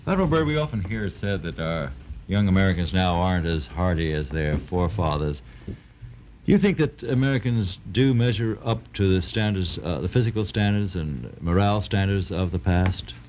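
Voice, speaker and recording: A man's voice: sits low, normal speed, darkish tone, slight background noise. A man interviewing a guest in formal, questioning tones on a 1950s TV broadcast. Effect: old 1950s TV broadcast sound. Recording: dull lo-fi 1950s TV audio.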